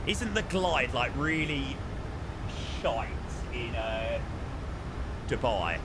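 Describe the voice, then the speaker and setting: A man's voice: medium pitch, lively intonation, very slow. A man chatting informally to a livestream audience as he plays pilot in a flight simulator. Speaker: flight sim streamer playing pilot. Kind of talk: casual livestream commentary. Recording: clear aircraft engine noise behind.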